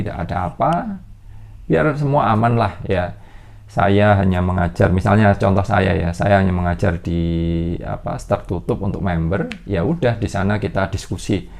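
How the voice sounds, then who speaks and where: A man's voice: on the low side, creaky, darkish tone. A man who teaches investing, explaining in a casual, conversational way with many fillers. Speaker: investment educator.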